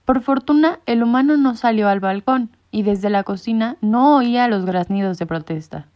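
A woman narrating a storybook with expressive storytelling. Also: fairly high pitch, normal speed. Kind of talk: storybook reading. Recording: muffled lo-fi recording.

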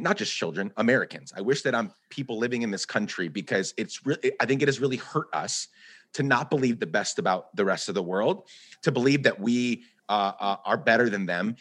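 A man's voice: fairly low pitch, a bit bright. A man hosting a conversational interview, who grew up in Guatemala, talking earnestly in long run-on thoughts. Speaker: host.

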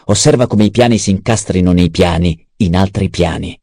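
A man voicing a cruel, mocking old baron in an audiobook, gruff and menacing. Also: sits low, normal speed, a little mellow, no room sound, clean studio sound. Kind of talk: audiobook character voice.

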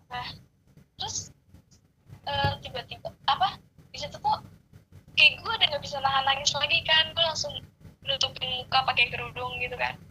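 A young woman tells a story in loose, animated slang and swears as she goes. Her voice sits high and sounds bright and tense. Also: normal speed, long pauses, slight background noise, rough recording. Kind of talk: casual chat.

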